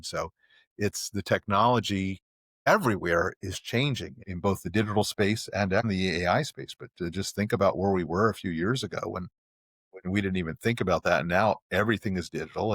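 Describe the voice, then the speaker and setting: A middle-aged man talking casually as a podcast guest, rambling and restarting often, getting animated when he explains. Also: sits low, no echo, studio quality. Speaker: podcast guest, marketing agency president. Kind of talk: casual interview talk.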